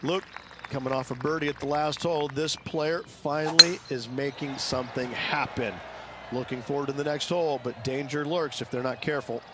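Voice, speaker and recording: A man's voice: mid-range voice, fairly even intonation, normal speed, natural voice. A man playing an upbeat golf commentator in a video game, giving conversational analysis from the booth. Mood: upbeat, appreciative. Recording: clear outdoor background noise.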